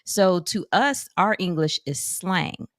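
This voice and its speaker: A woman from Michigan co-hosting a casual chat show, animated and folksy, often talking over the others. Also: fairly low pitch, slow, no room sound, clean studio sound. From Michigan, USA. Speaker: podcast co-host.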